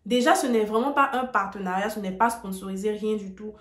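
A woman's voice: mid-range voice, fairly quick, fairly bright tone, echoey room. A woman giving a casual video lesson, talking straight to her viewers in an emphatic, direct way. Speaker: English tutor on video.

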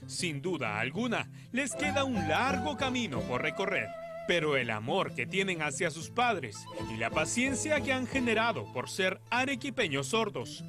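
A man reading a scripted news report in an emphatic, lively delivery. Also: high-pitched, normal speed. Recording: voice-over with loud background music.

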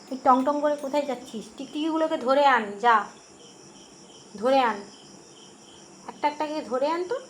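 A woman's voice: sits high, moderate pace, pauses often, a little hiss or hum. A woman talking to her pet dog at home, scolding it and coaxing it, and repeating herself often. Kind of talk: casual talk to a dog.

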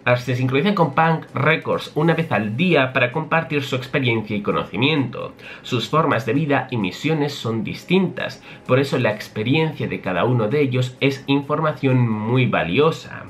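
A man's voice: mid-range voice, expressive, normal speed, slight background noise. A man reading a manga chapter aloud on his channel and commenting as he goes, thinking aloud. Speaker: manga reaction youtuber.

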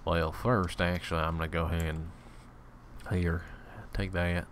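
Low-voiced man rambling over gameplay. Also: flat delivery, unhurried, a little hiss or hum. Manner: rambling, joking self-talk; slips into mock hillbilly drawl. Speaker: let's play gamer. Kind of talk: casual gameplay commentary.

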